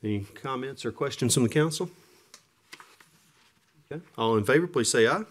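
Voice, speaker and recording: A man chairing a council meeting as mayor in a measured, formal manner. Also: mid-range voice, lively intonation, a little hiss or hum.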